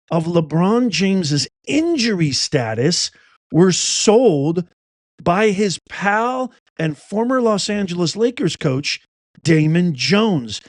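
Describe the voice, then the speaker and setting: A middle-aged man hosts an opinionated news commentary with a fairly high voice. He reads reports aloud and then breaks in with blunt, animated opinions. The sound is dry and close, with no room around him. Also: dry recording. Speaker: host.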